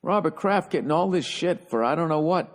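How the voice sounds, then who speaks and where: A man's voice: on the high side, animated, a little fast, in a large hall. A man hosting a casual monologue. He rambles and swears often, and he trails off and restarts his sentences.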